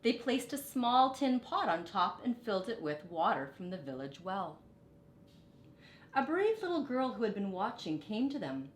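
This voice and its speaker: Reading from a storybook in a teacherly manner, a middle-aged woman speaks deliberately and expressively, pausing for brief explanations. Faint rumbling noise and a spacious echo color the audio.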